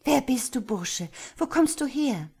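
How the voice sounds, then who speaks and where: A woman's voice: high-pitched, expressive, unhurried, gravelly, a little mellow, slightly rough, voice pushed up, full character voice. A woman voicing a frightened young captive girl who pleads urgently, in a storybook reading. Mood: startled. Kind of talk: audiobook reading.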